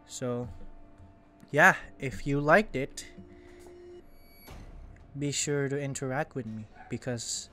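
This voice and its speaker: A man playing a horror game in casual let's-play commentary, jumpy and excitable, laughing and swearing, with his voice going hoarse. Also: medium pitch, slow pace, long pauses, faint music behind.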